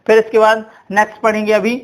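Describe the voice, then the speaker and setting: A man's voice: high voice, completely flat delivery, quick pace. A man teaching a grammar lesson, quizzing his listeners and repeating key points with "ठीक है". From India. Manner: repetitive, quizzing with "ठीक है" and "कितने होते हैं?".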